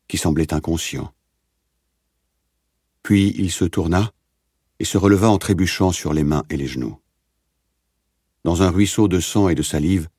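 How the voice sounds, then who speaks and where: Deep husky male narrator. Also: dry recording, studio quality. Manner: steady, measured reading. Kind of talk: audiobook reading.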